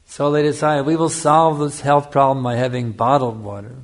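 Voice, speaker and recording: In a flat, mid-range voice at a moderate pace, a spiritual teacher delivers a Hare Krishna style discourse on scripture. His approach is instructive; he restates phrases to drive points home and keeps checking in with the audience.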